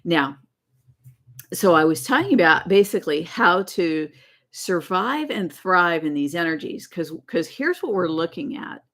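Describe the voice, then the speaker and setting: A woman with a low-pitched voice hosts a casual spiritual livestream. She rambles from thought to thought, corrects herself mid-sentence and laughs often. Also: expressive, unhurried, a bit bright. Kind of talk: casual live-stream talk.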